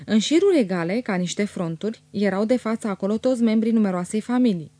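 A woman narrating a classic novel in a measured, descriptive way in an audiobook recording. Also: mid-range voice, expressive, mellow, no echo. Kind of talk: scripted literary narration.

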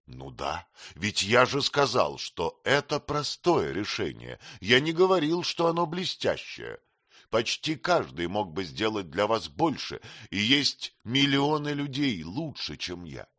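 A man's voice: fairly low pitch, very animated, measured pace, pushed and bright, dry recording, studio quality, exaggerated voice. A man reading an audiobook, voicing a young man who pleads earnestly and insistently. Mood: urgent pleading.

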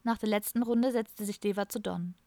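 Woman audiobook narrator, mid pitch, even storytelling; dry, close studio. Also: normal speed, no echo. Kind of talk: scripted narration.

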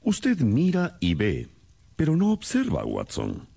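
An actor playing Sherlock Holmes as a brilliant, condescending detective, theatrical and didactic, in a radio drama. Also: male voice, mid-range voice, wildly swooping pitch, slow, vocal fry, warm tone, breathy edge, full character voice. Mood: lecturing, self-assured.

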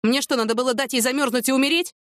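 A woman's voice: medium pitch, animated, quick pace, no echo, studio quality, close to an everyday voice. A woman voicing a defensive, awkward provincial police captain in an audiobook.

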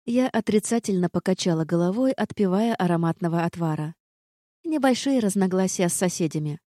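A woman narrates a fantasy audiobook in the first person. She tells it calmly and evenly in a low, mellow voice. The recording is close and dry, with no room sound. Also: fairly quick, no echo.

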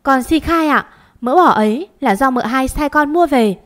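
Woman putting on a terrified young servant girl, tearful, pleading, high voice. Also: animated, brisk, lightly acted. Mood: begging. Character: terrified young maidservant begging mercy.

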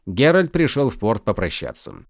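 A male audiobook narrator telling a fantasy tale with lots of movement in his pitch. His voice sits at a middle height and the recording is dry and close, with no room sound. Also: moderate pace, creaky, dry recording. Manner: expressive storytelling. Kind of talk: scripted narration.

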